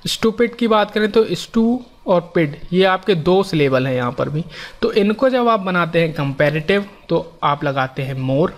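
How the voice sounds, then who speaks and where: A man teaching an exam-prep grammar lesson, explaining step by step and reading out rules slowly. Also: high voice, lively intonation.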